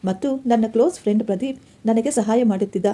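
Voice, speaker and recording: A gentle young heroine in a storybook, earnest and soft-spoken, as a woman narrator reads her lines. The voice is very dark and mellow. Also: on the high side, quick pace, natural voice.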